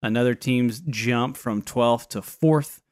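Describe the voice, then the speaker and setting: A man of middle pitch co-hosting a casual podcast, speaking in a smooth, clear voice. He has a wry, wordy, mock-formal way of talking with a facetious edge, and the sound is close and dry. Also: slow pace, dry recording. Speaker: fantasy football podcast co-host.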